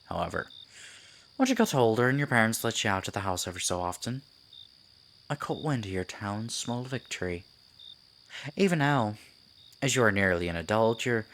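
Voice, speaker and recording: Guy doing a creepy silky piper villain for asmr roleplay, deep and coaxing, very up and down storyteller delivery, crickets in the background. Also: fairly bright tone, a little hiss or hum. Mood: silky, condescending. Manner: theatrical, coaxing, condescending, deliberate. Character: sinister Pied Piper, silky, theatrical storyteller luring a victim. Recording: night insects and forest ambience behind. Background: crickets, night forest ambience.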